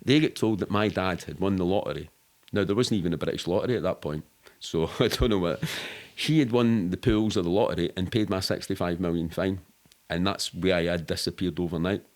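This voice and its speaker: A middle-aged Glaswegian man, guesting on a podcast, tells anecdotes in a candid, rambling, sweary style. His deep, darkish voice moves at a brisk pace.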